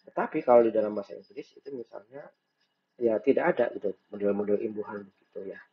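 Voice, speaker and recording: A man's voice: fairly low pitch, fast, breathy edge. A man giving a recorded lecture, thinking aloud with frequent fillers and restarts. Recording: dull lo-fi recording.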